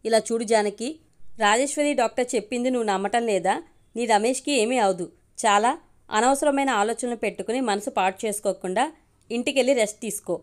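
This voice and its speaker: A woman's voice: a little high, a little fast, close to an everyday voice. A woman voicing a caring young woman friend who coaxes insistently, in an audio story. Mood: coaxing. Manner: coaxing, insistent.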